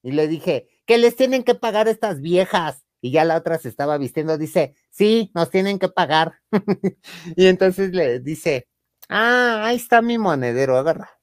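A man with a Mexican accent telling a comic anecdote in a campy, theatrical way, acting out the women he quotes in a higher voice and laughing often. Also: expressive, normal speed, no echo, clean studio sound. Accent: Mexican Spanish. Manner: laughs often mid-story. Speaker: storyteller on a chat show.

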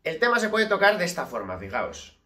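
A man teaching an acoustic guitar lesson, explaining step by step, checking in often and speaking rhythm syllables slowly. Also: on the high side, huge pitch swings. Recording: loud guitar playing behind voice.

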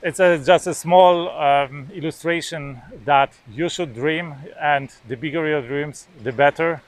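A man's voice: on the high side, a little slow. A man in his forties from Poland, a native Polish speaker, talking casually to the camera outdoors on a beach lawn, hesitant with many filler sounds and restarts. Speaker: vlogger.

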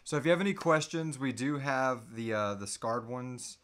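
A man in his thirties hosts a live Q&A stream as a podcast host, talking in a loose, easygoing, casual way and swearing freely. His medium-pitched voice is a bit bright at a moderate pace, recorded at desk distance in a small room at home.

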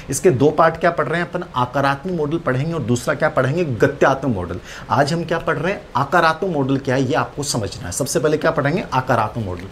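A male teacher delivers an exam-prep psychology lesson at a middle pitch. He poses questions and answers them straight away, often closing a point with "okay." A faint background hiss sits under his voice. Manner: tags lines with "ठीक है".

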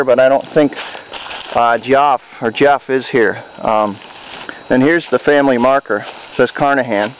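A man talks his way through a walk in the woods at a middle pitch, unhurried and pausing often as he films. The sound comes from a camcorder's own mic, dull and lo-fi. A faint outdoor hiss sits behind him. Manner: unhurried, pausing with ums and uhs while filming. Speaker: amateur videographer exploring a cemetery. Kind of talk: casual walking narration. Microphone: handheld camcorder mic.

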